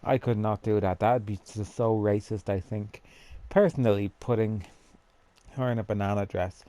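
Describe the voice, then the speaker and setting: A man's voice: on the low side, fairly even intonation, moderate pace, mellow, no room sound. A man chatting casually to himself as he builds a character in a game, thinking aloud as he goes. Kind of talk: casual gameplay commentary.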